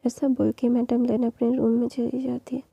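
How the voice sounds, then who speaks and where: A woman narrating fan fiction in a casual, chatty way, hoarse and whispering because she has lost her voice to illness. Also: fairly high pitch, little pitch movement, moderate pace, dry recording, dull audio. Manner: chatty, addresses viewers.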